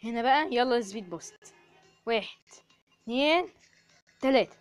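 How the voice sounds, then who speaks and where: A woman with an Egyptian accent giving excited commentary over her gameplay, full of exclamations and quick prayers. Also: a little high, smooth, dry recording, soft background music. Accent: Egyptian Arabic. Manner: excitable, frequent exclamations and prayers under pressure. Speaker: gamer.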